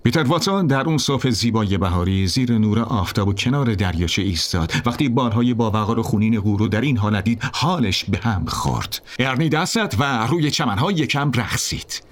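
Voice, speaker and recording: A man narrating a story aloud, in an expressive, dramatic reading style. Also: mid-range voice, hardly any pauses.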